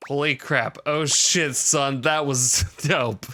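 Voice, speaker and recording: A man's voice: mid-range voice, steady tone, takes it slowly, noisy background. A man streaming a video game, joking and reacting casually to it. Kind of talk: casual gameplay commentary.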